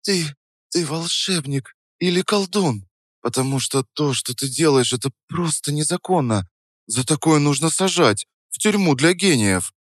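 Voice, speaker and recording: A bold, playful young woman purrs her lines slowly and softly, as a male narrator raises his voice to play her. Her voice sits well above his own low register and stretches each word. The sound is dry and close. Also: lively intonation, dry recording. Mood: awed.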